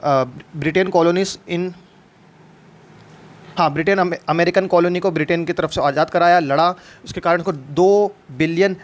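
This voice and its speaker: A man's voice: on the high side, a little slow. Man teaching history, asking himself questions. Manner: conversational, asks and answers his own questions; mixes in English terms, many restarts. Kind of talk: explaining a history lesson.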